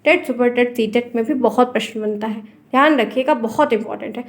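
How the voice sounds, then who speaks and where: A woman's voice: on the high side, fairly quick. A woman teacher giving an exam-prep lecture, explaining with everyday examples and checking in with her students often.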